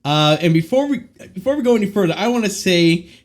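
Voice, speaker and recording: A man's voice: sits high, lively intonation, quick pace. A man hosting a casual podcast, hyped and cursing, often stumbling over his words. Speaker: podcast host.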